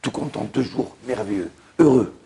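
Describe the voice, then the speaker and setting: Gravelly middle-aged rabbi telling a story in his sermon, acts out the back-and-forth. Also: mid-range voice, moderate pace, a little hiss or hum. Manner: lively storytelling with acted-out dialogue.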